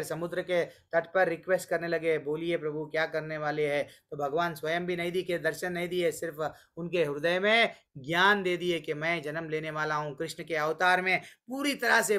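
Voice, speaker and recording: A man teaching a scripture class online, telling stories and slowly chanting verses. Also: a little high, pushed and bright. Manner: storytelling, voices quotes of deities and sages. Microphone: online call.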